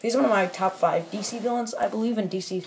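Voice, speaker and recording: A man's voice: high-pitched, fast, a little hiss or hum. A man casually reviewing a toy set, rambling with lots of fillers and restarts and making offhand, mildly critical remarks.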